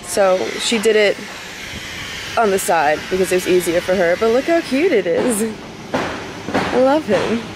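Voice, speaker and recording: A young woman vlogging in a casual, chatty way, hoarse from a cold and quick to laugh at herself. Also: mid-range voice, expressive, background noise. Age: young adult. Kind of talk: casual vlog chat to camera.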